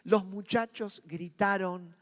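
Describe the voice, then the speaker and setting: A male pastor with a Rioplatense Spanish accent preaching a dramatic sermon, dropping to quiet moments and rising to loud ones as he acts out inner voices. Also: high-pitched, steady tone, takes it slowly, big-room sound.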